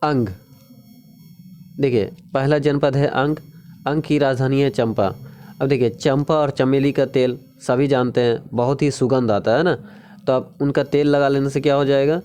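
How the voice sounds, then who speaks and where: Guy doing an exam trick lesson, mellow warm voice, keeps checking in and repeating stuff. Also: medium pitch, steady tone. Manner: repetitive, keeps asking "ठीक है?"; drawn-out sing-song pronunciation drills. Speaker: exam-prep teacher. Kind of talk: casual Hindi GK lesson.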